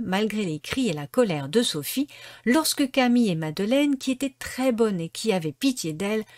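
A woman reading a classic storybook aloud with expressive, lively narration. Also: medium pitch, dry recording, studio quality. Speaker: storybook reader.

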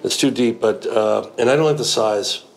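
A middle-aged man exclaims over gemstones in casual chat. His voice sits at a middle pitch, and he keeps repeating words as he gets excited. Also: moderate pace, gravelly, slight background noise. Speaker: gem hunter host. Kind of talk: casual chat while buying gems.

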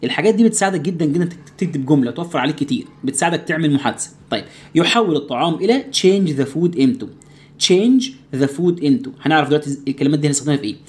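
A man with an Egyptian Arabic accent teaching an English lesson, asking himself students' questions and answering them, repeating each English word slowly to drill its sound. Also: a little high, animated. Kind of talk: recorded classroom lesson.

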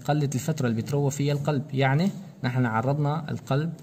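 Rapid-fire man giving a medical demo. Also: medium pitch, over a noisy crowd. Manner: rapid explanatory, asks students rhetorical questions. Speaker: anesthesia lecturer. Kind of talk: practical medical demonstration.

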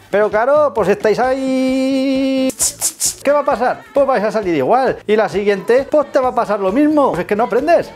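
Guy doing a chatty spanish-accented spider-man stuck at home, voice all over the place, faint music behind. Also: high voice. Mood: preachy. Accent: Spanish from Spain. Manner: chatty, rambling, lectures kids. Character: man in tights as homebound comic Spider-Man. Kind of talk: comedy sketch monologue.

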